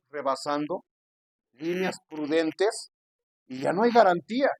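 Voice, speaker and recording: A male pastor delivers an earnest sermon, calling his listeners brother as he preaches. His voice sits a little on the high side. The sound is close and dry, with no room around it. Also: a little mellow, dry recording.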